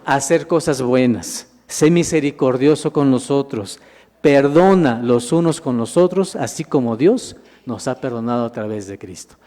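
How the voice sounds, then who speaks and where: Preacher in a reverberant hall. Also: male voice, mid-range voice, a little slow, dark tone. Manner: keeps asking the congregation questions and answering them himself; calls listeners "hermanos". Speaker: minister. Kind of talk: sermon, Bible teaching with slides. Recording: long reverb of a large hall.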